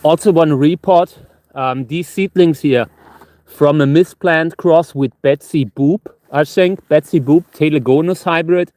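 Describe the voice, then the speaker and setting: A man chatting casually as a livestream host, halting and restarting words, his tongue numb from hot chili so that talking is a struggle. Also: on the high side, a little mellow, dry recording. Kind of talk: casual rambling gardening livestream.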